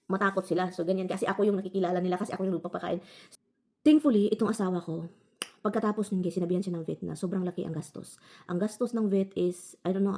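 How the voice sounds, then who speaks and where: A woman's voice: medium pitch, warm tone. A woman from the Philippines telling a rambling story to her viewers, calling them "guys" all the time and restarting her sentences. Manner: frequent self-corrections and restarts. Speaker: vlogger.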